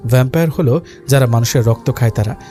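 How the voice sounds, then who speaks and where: A man plays a young father in an audio storybook, talking softly and lovingly to his little boy while his own worry sits underneath. The voice is mellow and warm, pitched in a middle range, with faint music beneath it. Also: fast, lightly acted. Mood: tender. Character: worried young father, gentle with his son.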